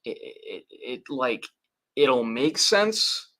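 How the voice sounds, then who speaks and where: A man hosting a casual livestream, rambling and halting with many fillers and restarts. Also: mid-range voice, big pitch swings, fairly bright tone. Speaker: stream host.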